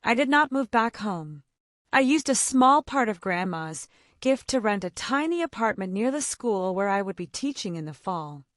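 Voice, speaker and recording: A young woman narrating her own story in the first person, in short, quiet, reflective sentences. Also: mid-range voice, big pitch swings, moderate pace, no echo, studio quality. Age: young adult.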